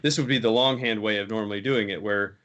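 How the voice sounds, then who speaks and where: A show host with a lowish, fairly bright voice talks fast through a casual tech show, and the recording has its highs cut off. He rambles, corrects himself often, and laughs easily.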